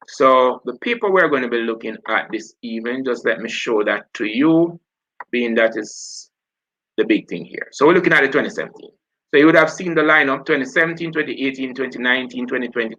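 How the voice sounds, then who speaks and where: Over poor audio, a Jamaican-accented man from Jamaica runs a live online revision class, narrating his way through past papers and fixing his own slips. His medium-pitched voice is bright and forceful.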